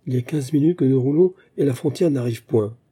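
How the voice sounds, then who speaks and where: Flighty young princess, whimsical, chattering, read by a man, dark husky tone. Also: medium pitch, fairly quick, pitched above the performer's own voice, natural voice.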